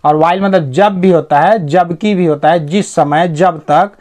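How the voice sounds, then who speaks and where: Man, teacher, slow deliberate reading, explains each word, fairly high pitch. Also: darkish tone. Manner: reads English slowly, then explains in Hindi. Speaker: English teacher. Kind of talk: line-by-line story reading lesson.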